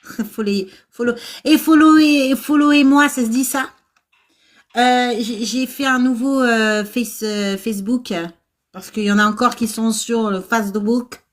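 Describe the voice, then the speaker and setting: A woman's voice: a little high, fairly even intonation, unhurried. A middle-aged woman hosting a casual livestream from an old house, chatty and self-mocking, laughing often and filling with hesitations. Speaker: nursing-assistant VAE coach and livestream host. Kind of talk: casual livestream chat with viewers. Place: old house without air conditioning.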